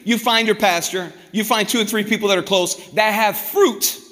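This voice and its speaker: A man preaches with a high, bright voice, animated and conversational, slipping into quoted prayers as he goes. His sermon rings out through a large hall with a long, trailing reverb. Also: moderate pace. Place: church hall.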